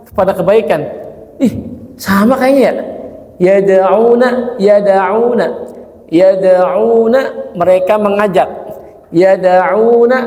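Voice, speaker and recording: A man teaching Quran recitation in a casual religious lesson, asking rhetorical questions and demonstrating slow recitation, recorded in a mosque hall. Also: high voice, a little mellow. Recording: echoey mosque hall with long reverb.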